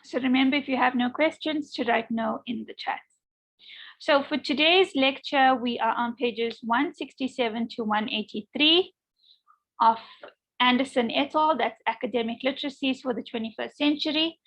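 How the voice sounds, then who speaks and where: A woman's voice: high-pitched, moderate pace, a bit bright, poor audio. A woman lecturer giving an online class, encouraging students and often checking in with "okay?".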